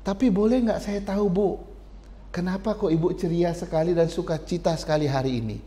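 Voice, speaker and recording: A man voicing a patient, kind angel in a sermon illustration, asking gentle, coaxing questions. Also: sits high, brisk, natural voice. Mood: curious.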